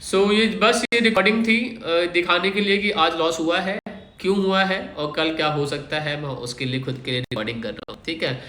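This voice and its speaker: A man's voice: fairly high pitch, steady tone, normal speed, sharp tone. A man hosting his own trading channel, casually walking viewers through the day's chart and explaining as he goes, often checking in with them. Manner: explanatory, keeps checking in with listeners. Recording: echoey room.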